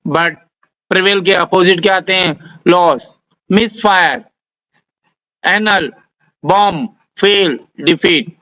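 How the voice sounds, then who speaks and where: A man with an Indian accent, teaching a vocabulary lesson, dictating word lists slowly and carefully. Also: high voice, sharp tone, low-quality recording. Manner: dictates word lists slowly, spells out English example sentences. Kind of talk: slow, deliberate vocabulary lesson.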